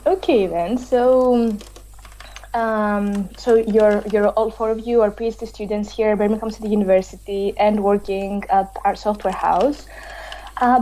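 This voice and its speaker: A woman's voice: mid-range voice, warm tone, a little hiss or hum, poor audio. A woman hosting an online panel discussion over a video call, chatty with many fillers. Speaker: host.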